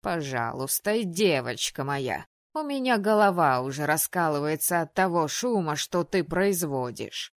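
A woman's voice: sits low, expressive, measured pace, hardly any pauses, dry recording, studio quality. A woman voicing a grumpy, stooped old male ghost with a scratchy voice, scolding in an audiobook. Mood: pleading. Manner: stern, scolding. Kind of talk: audiobook narration.

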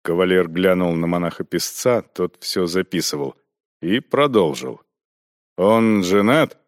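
A man narrating an audiobook in an expressive storytelling manner. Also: sits low, normal speed, no echo, clean studio sound.

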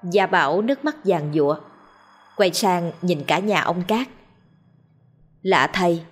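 A woman telling a scripted ghost story in a steady, dramatic way. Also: lowish voice, breathy edge.

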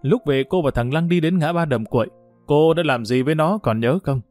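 A man voicing a soft, menacing young cadre. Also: a little high, fairly quick, dry recording, faint music behind, lightly acted. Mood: quiet, controlled. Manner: soft-spoken, controlled. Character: young male village cadre, calm and quietly menacing.

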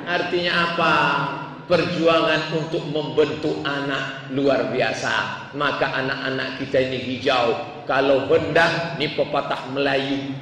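A man preaching a humorous sermon, telling animated stories and acting out the dialogue. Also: mid-range voice, measured pace. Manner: storytelling, animated, acts out dialogue. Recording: echoey hall, distant mic, faint noise.

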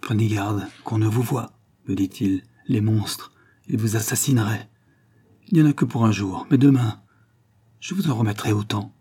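Starving older father, pleading low, dark husky tone, read by a male narrator. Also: normal speed. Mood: secretive. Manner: low pleading, secretive murmur. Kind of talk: audiobook dialogue reading.

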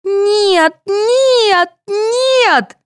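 A woman's voice: very high-pitched, animated, extremely slow, dry recording, studio quality, voice pushed up, heavily acted. A woman voicing a spoiled, wild little girl who whines and screeches in an audiobook. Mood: whining. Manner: whiny, screeching.

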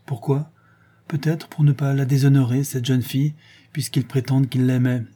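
A man's voice: medium pitch, level tone, normal speed, mellow, breathy edge, lightly acted. A man voicing a desperate middle-aged mother who pleads and protests to defend her accused son. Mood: anguished. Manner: pleading, indignant, breaking into cries.

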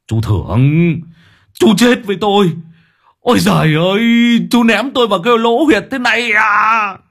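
A man voicing a furious middle-aged sorcerer who shouts complaints. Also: sits high, lively intonation, moderate pace, pitched above the performer's own voice, heavily acted.

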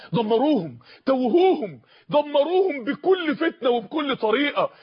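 A man's voice: very high voice, husky, dull audio. A man with an Egyptian accent preaching an impassioned sermon, hammering his points through repetition.

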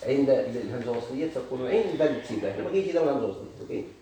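A man with a Moroccan Arabic accent teaching a classroom grammar lesson. He keeps quizzing his students and slowly draws out each example word. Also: medium pitch, animated, mellow, reverberant, slight background noise.

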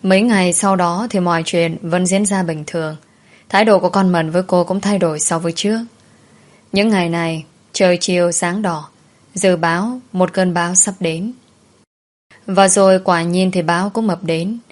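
Low-voiced woman narrating a story. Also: fairly even intonation, normal speed. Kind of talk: scripted narration.

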